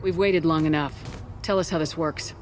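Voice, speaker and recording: A woman's voice: low voice, steady tone, normal speed, darkish tone, slight background noise, lightly acted. A woman playing a tough, no-nonsense military commander in a video game, speaking in a clipped, assertive way. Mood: firm, impatient. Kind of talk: dramatic video game acting.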